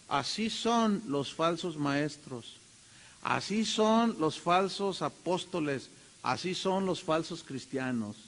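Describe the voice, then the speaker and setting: Emphatic Mexican pastor in a reverberant hall. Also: male voice, sits high, bright, forceful tone. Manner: emphatic, rhetorical questions, mimics voices. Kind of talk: sermon.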